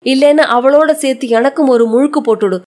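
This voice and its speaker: Woman putting on old granny in a storybook, high voice, scolding and pleading, homely old way of talking. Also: a little fast, warm tone, lightly acted. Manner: reproachful, pleading, in old-fashioned homely speech. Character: aged widowed grandmother, grieving yet resolute. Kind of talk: storybook reading.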